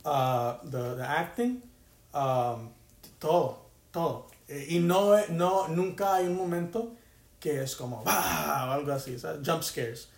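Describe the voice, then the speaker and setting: A man's voice: a little high, lively intonation, slow pace, reverberant. A man co-hosting a podcast in casual chat, telling stories animatedly and switching between Spanish and English. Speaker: podcast co-host.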